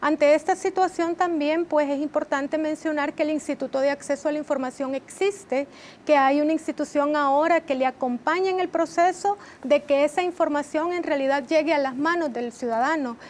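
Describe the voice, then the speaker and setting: A woman, answering as a guest in a TV interview in a measured, explanatory way. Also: sits high, fairly even intonation, darkish tone, slight background noise. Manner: measured, explanatory, with frequent rhetorical tag questions. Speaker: interview guest, training head.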